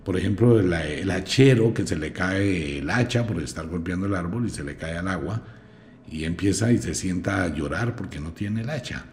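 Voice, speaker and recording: Low, animated man mocking. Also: moderate pace, slight background noise. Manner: mocking, blunt, lively storyteller. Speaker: podcast host. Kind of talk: scornful commentary with Bible reading.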